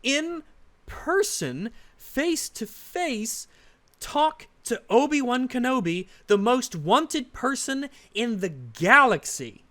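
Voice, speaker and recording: A man's voice: extremely high pitch, sing-song, takes it slowly, pushed and bright. A man hosting a commentary video, ranting sarcastically in exasperated criticism of a show. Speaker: commentary channel host.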